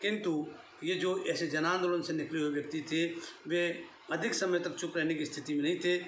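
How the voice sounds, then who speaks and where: A middle-aged man lectures on history in a loose, explanatory way, now and then dropping in English words. His voice sits a little high for a man. The room is roomy and echoing, with a faint hiss underneath. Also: fairly even intonation, moderate pace, a bit bright. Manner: explanatory, mixes English terms into his speech. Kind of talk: unscripted classroom-style lecture.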